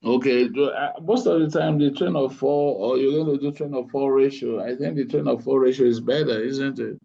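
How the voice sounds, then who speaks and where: Gravelly man tutoring over a call. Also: mid-range voice, fairly quick, mellow. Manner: encouraging, teasing, gives marks. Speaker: anaesthesia tutor. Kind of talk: online tutorial, quizzing students. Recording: dull lo-fi call audio.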